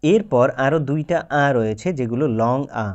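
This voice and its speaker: A man's voice: medium pitch, expressive, a little mellow, lo-fi sound. Patient man teaching pronunciation. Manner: slow, patient explaining with drawn-out example words. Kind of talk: YouTube language lesson.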